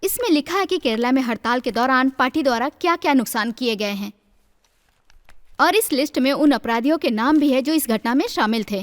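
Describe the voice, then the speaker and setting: A formal courtroom lawyer. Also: female voice, high-pitched, expressive, a little fast, big-room sound. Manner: formal, crisp courtroom delivery. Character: formal female lawyer presenting evidence. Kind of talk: Hindi film dub.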